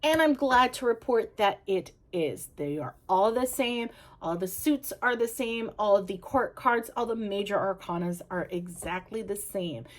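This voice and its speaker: A woman's voice: medium pitch, lively intonation, unhurried, hardly any pauses. Chatty lady reviewing a tarot deck, talks right to her viewers, fixes her own slips as she goes. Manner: chatty, self-correcting, talks to viewers directly. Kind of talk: casual review and flip-through.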